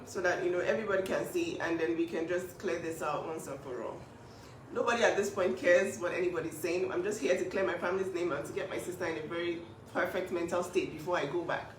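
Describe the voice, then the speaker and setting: A woman's voice: fairly low pitch, a little hiss or hum. A woman speaking up for her younger sister in a casual vlog, emphatic and indignant, with restarts. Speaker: older sister speaking up for family. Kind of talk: casual to-camera vlog talk. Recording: echoey room, voice from a distance.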